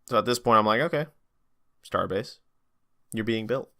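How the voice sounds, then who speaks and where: A man's voice: on the low side, moderate pace, bright, forceful tone. Tired man rambling over gameplay. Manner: rambling, acts out his own reactions in quotes. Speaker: gaming YouTuber. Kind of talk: casual gameplay commentary.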